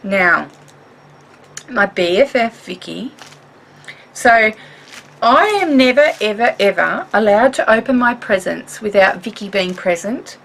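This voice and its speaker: A woman with an Australian accent chatting in a home craft vlog, animated and rambling, laughing often as she shows things. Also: medium pitch, a little slow, creaky, pauses often, low-quality recording. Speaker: craft vlogger. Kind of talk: chatty show-and-tell vlog.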